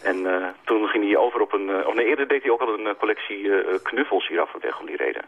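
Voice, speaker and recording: A man talks quickly and hesitantly, filling his sentences with "eh". His voice sits on the low side and sounds somewhat husky, and it comes through a dull, lo-fi radio line. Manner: fast, hesitant, many fillers. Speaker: website creator, guest. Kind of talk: radio interview.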